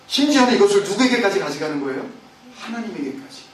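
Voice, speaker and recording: A high-voiced man preaches a sermon, his pitch leaping widely as he fires questions at the congregation. He sounds far from the mic in a very echoey church, with faint ambience behind him. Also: big pitch swings, quick pace, a little hiss or hum. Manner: acts out quoted complaints with raised pitch. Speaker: pastor. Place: church sanctuary. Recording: very echoey room, voice from a distance.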